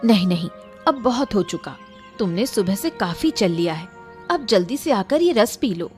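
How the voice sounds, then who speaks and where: A woman's voice: mid-range voice, expressive, moderate pace, soft background music, lightly acted. A woman voicing a caring wife in a cartoon, firm and coaxing. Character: caring firm wife pushing bitter medicine. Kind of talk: animated cartoon dialogue.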